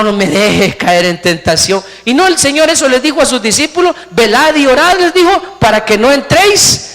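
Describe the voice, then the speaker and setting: A man preaching as pastor, with a strikingly high voice that carries into a church hall with a long, ringing reverb. He preaches emphatically and keeps throwing rhetorical questions at his listeners. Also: fairly bright tone. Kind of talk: sermon.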